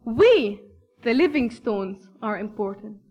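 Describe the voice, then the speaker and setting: At a church gathering, a woman from Bethlehem, Palestine, gives a formal address in English shaped by her native Arabic. She is earnest and measured, with a fairly high, sing-song voice and a somewhat dark tone.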